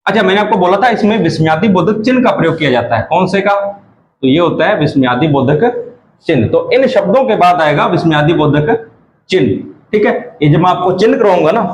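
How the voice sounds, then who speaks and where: A man's voice: sits high, darkish tone, echoey room, slight background noise, rough recording. A male teacher explains grammar to exam students in a chatty way. He repeats key phrases and asks the class questions.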